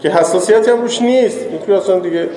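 A man with a high, mellow voice preaches in a relaxed, chatty way, joking with his audience and rising into emphasis. The sound is roomy, with a long hall reverb trailing each phrase. He sounds like he is addressing a gathered crowd in a large space. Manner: conversational, teasing, banters with the audience. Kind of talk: informal sermon.

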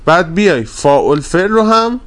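A man teaching a grammar class, drawing out word forms slowly and asking his students questions. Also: high voice, lively intonation, fairly bright tone. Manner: drawn-out repetition of word forms, quizzing students; polite and deferential to the class leader.

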